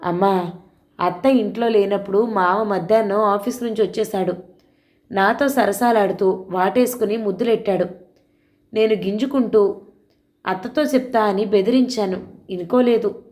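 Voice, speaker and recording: A woman's voice: medium pitch, moderate pace, long pauses, a little mellow, close to an everyday voice. A woman voicing a teenage village girl who is frightened but defiant, telling her mother what happened in an earnest, pleading way.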